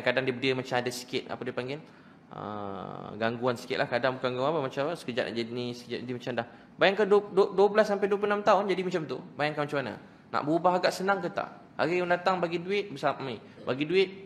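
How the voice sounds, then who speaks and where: A man with a Malaysian Malay accent giving a religious lecture to an audience, telling emotional stories that swing from hushed to loud, with quick, animated, repetitive phrasing. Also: medium pitch, a little hiss or hum. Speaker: preacher.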